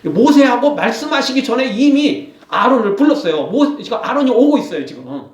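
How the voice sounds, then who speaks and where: A male pastor preaching a sermon, animated, acting out scolding quotes. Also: very high-pitched, brisk, roomy sound, far from the mic. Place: church.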